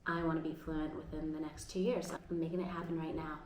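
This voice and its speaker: An American woman with a deep, flat voice vlogs casually at home, speaking fairly quickly with a crowd audible behind her. She's earnest and upbeat, occasionally restarting sentences, in an echoey room with faint ambience.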